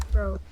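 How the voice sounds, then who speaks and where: A woman gaming with a friend before dawn, sleepy and playful, swearing freely and keeping quiet in a bedroom. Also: highs cut off. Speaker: gamer. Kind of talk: casual gaming chat. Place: bedroom at night.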